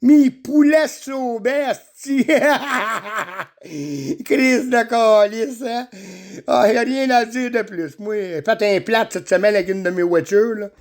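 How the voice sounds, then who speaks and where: A man's voice: extremely high pitch, takes it slowly. A man playing a crude, swearing middle-aged farmer with a Quebec French accent in a comedy sketch. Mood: rowdy. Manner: swearing, rowdy, rambling.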